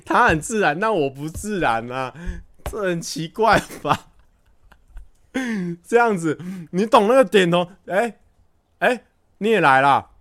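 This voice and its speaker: This livestream host, whose voice is fairly high, chats casually with his viewers through lively stories, acting out scenes and often laughing. There's no room sound in the recording.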